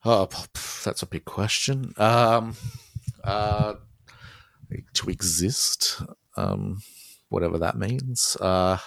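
A man with a very deep voice and an Australian accent chats casually as a podcast guest. He rambles, restarts and laughs at himself. His voice is recorded close and dry with no room sound. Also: slow, creaky, a bit bright, dry recording. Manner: rambling, self-deprecating, laughs often. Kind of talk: casual interview chat.

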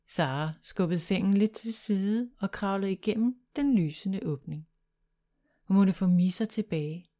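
A woman reading a children's bedtime story aloud in a calm, even storytelling manner. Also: medium pitch.

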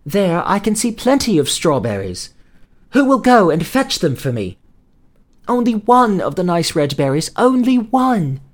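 Feverish little girl, a man reading her, raised high, pleading, dreamy. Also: sing-song, normal speed.

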